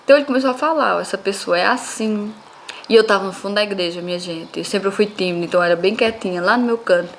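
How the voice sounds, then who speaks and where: Young woman, earnest faith testimony, mid-pitched voice, talks straight to listeners. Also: quick pace, slight background noise. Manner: earnest, addresses listeners as "minha gente". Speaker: testimony speaker.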